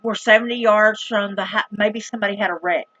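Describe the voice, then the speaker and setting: Speaking a touch quickly with fairly even intonation, this middle-aged Southern woman, a vlogger from rural America, spins a tale for her audience in a plain-spoken, folksy, casual yet dramatic and emphatic manner. Her medium-pitched voice carries a fairly bright tone. The audio is dry and dull.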